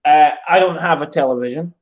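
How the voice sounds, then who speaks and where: A man's voice: fairly high pitch, brisk, muffled recording. A man with a modern British accent giving opinions in casual discussion, emphatic and often checking in with short tag questions. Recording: roomy, echoey sound.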